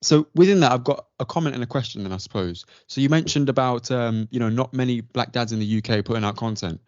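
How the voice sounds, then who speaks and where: A man with a medium-pitched, slightly mellow voice hosts a casual podcast interview, asking thoughtful, earnest questions at a quick pace. The audio is dry, dull, and lo-fi, with no room sound.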